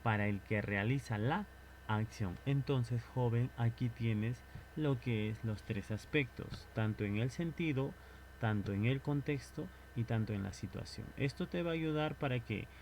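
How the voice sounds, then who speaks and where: A man's voice: medium pitch, unhurried, darkish tone, slight background noise. A man teaching a recorded lesson, constantly asking questions and then answering them himself. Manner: asks and answers his own questions.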